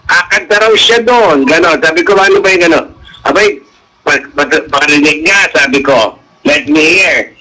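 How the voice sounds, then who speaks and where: A man's voice: fairly high pitch, normal speed, low-quality recording. A middle-aged man, a guest on a radio show, chatting casually and acting out the dialogue in his anecdotes. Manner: animated storyteller, acts out quoted dialogue. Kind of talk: casual radio interview chat.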